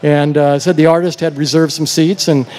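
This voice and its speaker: Speaking into a stage vocal mic between songs, a male country singer spins a rambling, laid-back story for an outdoor festival crowd. His voice is fairly high, his tone level and his pace moderate. The live stage recording carries a loud band in the background.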